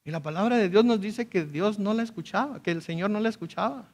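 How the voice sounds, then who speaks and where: A male pastor preaching a conversational sermon with animated asides and frequent restarts. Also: high voice, fairly quick. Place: school auditorium.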